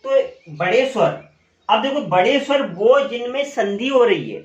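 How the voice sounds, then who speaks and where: A male teacher giving a classroom lesson, asking questions and answering them himself, and repeating key terms slowly. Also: very high-pitched, animated. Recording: echoey room, dull lo-fi sound.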